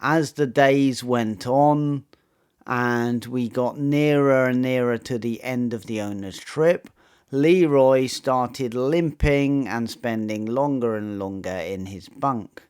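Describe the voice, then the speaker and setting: Male narrator, mid-pitched, crisp and unhurried; measured scripted storytelling. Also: darkish tone. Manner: slow, measured, matter-of-fact storytelling.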